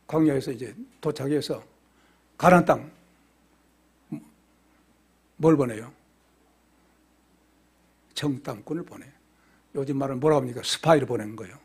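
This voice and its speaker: A middle-aged male pastor preaching an expository sermon, asking the congregation questions and answering them himself, with sudden loud exclamations and quiet drops. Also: medium pitch, unhurried, pauses often, slightly rough.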